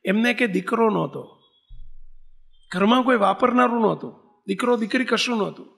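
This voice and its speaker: High, gravelly male preacher. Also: moderate pace, a bit bright. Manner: storytelling, voicing characters, asking the listeners questions. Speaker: spiritual leader telling a sacred story. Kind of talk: Gujarati devotional katha discourse.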